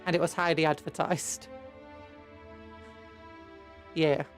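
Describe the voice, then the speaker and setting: Soft music plays as a British streamer, her nose blocked and throat sore from a cold, chats in a rambling way with her audience and answers their messages. Her voice sits low, level in tone and slow in pace.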